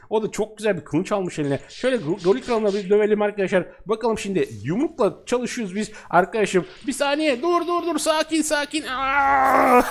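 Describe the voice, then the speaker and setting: A man hosts a casual let's-play, chattering excitably to his viewers while he plays. His pitch swings widely from line to line, and he laughs a lot between remarks. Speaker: gaming channel host.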